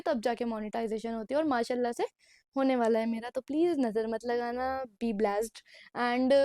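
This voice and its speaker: Chatty young woman with a gravelly edge. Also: on the high side, a little mellow, no echo, studio quality. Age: 20s. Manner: chatty, mixes English phrases into Hindi and keeps saying "bhai". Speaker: vlogger. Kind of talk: casual storytime monologue. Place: indoor room at night.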